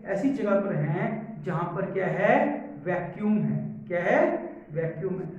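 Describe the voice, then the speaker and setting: A man's voice: high voice, unhurried. A man teaching a class, asking questions and answering them himself, mixing English terms into his explanation. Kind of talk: classroom lecture. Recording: echoey room, far mic, dull sound.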